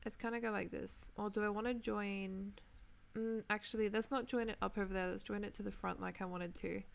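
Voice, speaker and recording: Playing a building game on stream, an Australian woman in her twenties rambles chattily and responds to what viewers comment. Her voice is mid-range and gravelly, with fairly even intonation and a brisk delivery.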